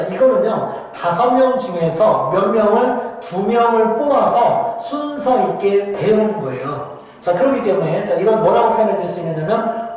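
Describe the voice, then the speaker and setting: A high-voiced man teaching a math lesson in a very echoey room with a long, ringing reverb. He explains patiently and repeats the key points. He often asks his students questions and answers them himself. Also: darkish tone, a little hiss or hum. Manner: explains patiently, keeps saying "ja" and addressing students. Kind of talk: recorded math lecture.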